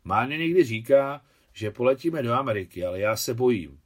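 A man's voice: medium pitch, lively intonation, close to an everyday voice. A man voicing a fussy, good-natured older aunt in an audiobook, homely and a little fearful.

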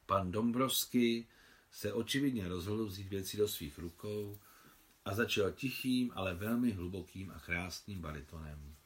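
A man with a fairly low voice reads from a novel he translated. He tells the story in a calm, measured way. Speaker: translator reading his own translation. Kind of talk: author reading of a novel.

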